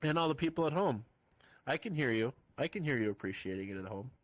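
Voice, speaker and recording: A man's voice: mid-range voice, lively intonation, fast talker, no echo. A man hosting a live improv comedy stream, reading out audience suggestions with hesitant fillers and easy laughter. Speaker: improv show host.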